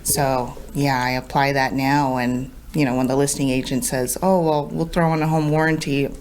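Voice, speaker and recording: Woman guest, deep register, friendly and chatty, casual podcast talk, faint noise. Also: steady tone, normal speed, darkish tone, poor audio. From Honduras. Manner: friendly, chatty, laughs easily. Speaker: guest, transaction coordinator.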